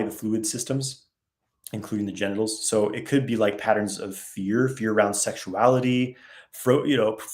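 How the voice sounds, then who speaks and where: Laid-back guy, kinda low voice, reading out chat questions on a livestream and riffing on them. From West. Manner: relaxed, rambling, reads chat questions aloud. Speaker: livestream host answering viewer questions. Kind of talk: casual live Q&A.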